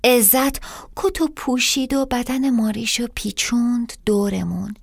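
A woman's voice: fairly high pitch, fairly even intonation, gravelly, no echo, clean studio sound. A woman reading her own story aloud dramatically, sometimes dropping to a whisper. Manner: dramatic, drops to a whisper at times. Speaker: storyteller and author. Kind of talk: scripted story narration.

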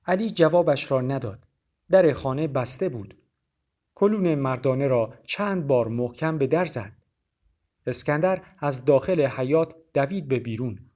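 A man reading a novel aloud as audiobook narrator, in a steady, measured storytelling manner. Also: mid-range voice.

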